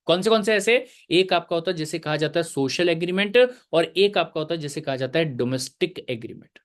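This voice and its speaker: A man's voice: a little high, brisk. A male teacher giving a live online lecture, chatty and joking, mixing English terms into his talk.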